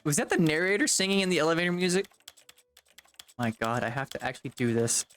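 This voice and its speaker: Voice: medium pitch, lively intonation, fast talker, a bit bright, slight background noise. A game streamer chatting casually with viewers while playing, chatty and exasperated, swearing now and then. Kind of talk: casual live-stream chat.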